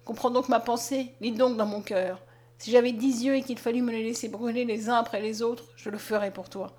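Woman reading a soft-spoken blind young man. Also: close to an everyday voice. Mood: sorrowful. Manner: soft, low and tender. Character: gentle blind young peasant man, sorrowful. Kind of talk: audiobook character reading.

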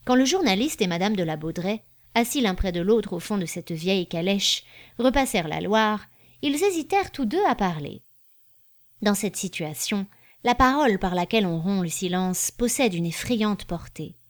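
A woman with a mid-range voice reads a classic novel as an audiobook, narrating in a measured, even storytelling manner.

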